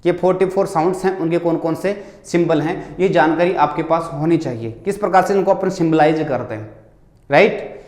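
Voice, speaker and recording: Higher-voiced male teacher in an echoey room. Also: brisk, darkish tone. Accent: Rajasthani Hindi. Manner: explanatory, asks and answers own questions. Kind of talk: exam paper solution lesson.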